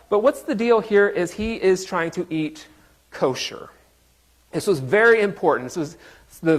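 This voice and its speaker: Pastor guy giving a sermon, chatty and jokey, keeps asking the church questions. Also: on the high side. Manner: conversational, joking, quizzes the congregation.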